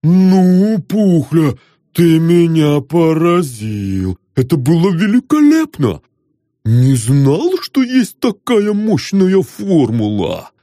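A man voicing a chatty, flattering male friend in an audiobook, talking in an effusive, glib way. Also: a little high, slow pace, dry recording, studio quality, voice pushed up.

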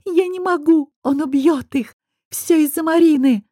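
A woman's voice: fairly high pitch, normal speed, warm tone, slightly rough, dry recording, studio quality. A woman playing a sobbing desperate young student. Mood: hysterical. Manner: sobbing, pleading, shrieking accusations. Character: tearful desperate young female student mage.

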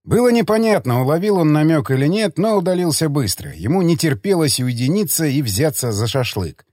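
A male audiobook narrator with a lively, swinging pitch who reads each scene expressively. The recording is dry and close, without any room sound. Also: a little fast, dry recording. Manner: expressive, reading every part himself.

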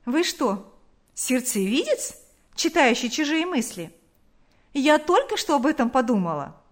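Quiet grieving woman in a storybook, read by a woman, slow, pitch goes up and down a lot. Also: very animated, exaggerated voice. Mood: surprised. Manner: incredulous questions.

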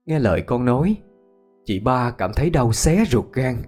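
A man narrating a ghost story in a slow, somber way. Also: medium pitch, sing-song, a little mellow, faint music behind.

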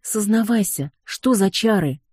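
A reader voicing a sharp-tongued young witch heroine in an audiobook, with indignant quick retorts. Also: medium pitch, animated, slightly rough, no room sound, clean studio sound, pitched above the performer's own voice. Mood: suspicious.

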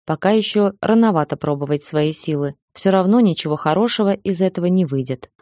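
A woman narrating an audiobook in a steady, measured reading voice. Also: fairly low pitch, dry recording, studio quality. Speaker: audiobook reader.

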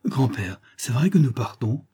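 Male reader doing a soft-spoken young cousin, eager, husky and dark. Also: mid-range voice, sing-song, unhurried, heavily acted.

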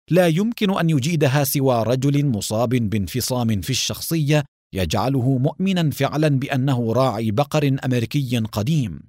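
A man voicing a calm, analytical male police captain who explains in a measured way in a story reading. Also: mid-range voice, no room sound, studio quality, natural voice.

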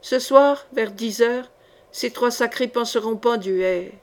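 A woman's voice: on the high side, measured pace. A woman reading an audiobook, voicing a stern male duke who speaks curtly and commands. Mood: commanding.

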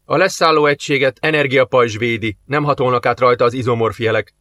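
A calm, patient police captain, as a male reader puts him on, reassuring and slightly raised. The recording is dry and close. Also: medium pitch, no room sound, lightly acted.

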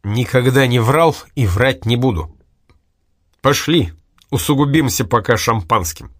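A man reading aloud and voicing a gruff, short-tempered male gangster in an irritable manner. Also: mid-range voice, measured pace, a bit bright, no room sound, studio quality.

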